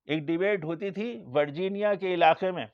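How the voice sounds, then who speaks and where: A male Islamic scholar with a somewhat high voice gives a religious lecture, telling stories and acting out the dialogue. The recording is dull and lo-fi, with a dry sound and no room echo. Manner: storytelling, acts out dialogue in quoted lines.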